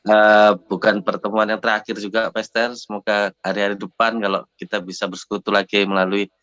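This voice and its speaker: Co-host, male, lowish voice, courteous, muffled call audio. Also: little pitch movement, fairly quick, a bit bright, dry recording. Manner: polite, courteous. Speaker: prayer meeting co-host. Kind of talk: closing thanks on a video call. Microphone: video call. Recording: dull lo-fi video call audio.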